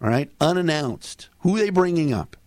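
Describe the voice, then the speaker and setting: Hoarse man hosting a sports podcast. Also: fairly high pitch, lively intonation, moderate pace, a little mellow, no room sound. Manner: colloquial, punchy short sentences. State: hoarse, losing his voice. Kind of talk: casual baseball commentary.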